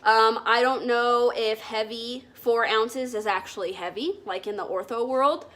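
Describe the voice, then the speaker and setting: A woman's voice: fairly high pitch, fairly even intonation, a little slow, fairly bright tone. A woman vlogger chatting casually to viewers, explaining and demonstrating things as she goes.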